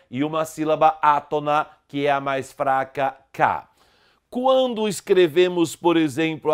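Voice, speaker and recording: A man teaches an online grammar lesson in a measured, didactic way, drawing out syllables to show where the stress falls. His voice sits a little high and sounds smooth and resonant.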